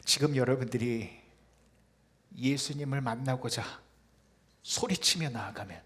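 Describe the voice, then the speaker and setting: A Korean pastor preaching a Sunday sermon, swinging from hushed, almost whispered lines to loud, fervent cries. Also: male voice, medium pitch, measured pace. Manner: swings from hushed to shouted cries when quoting scripture. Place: church sanctuary.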